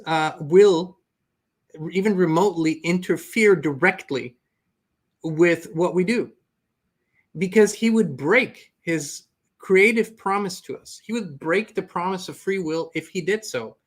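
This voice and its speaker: A man's voice: high voice, measured pace. Earnest man giving a spiritual talk. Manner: earnest, reflective. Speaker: host.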